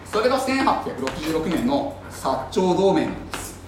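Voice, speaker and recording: A man's voice: on the high side, very animated, echoey room, background noise. A man teaching history in a casual, joking lecture style, chatty with many fillers. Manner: rapid, jokey, chatty, with frequent fillers and laughs. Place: classroom.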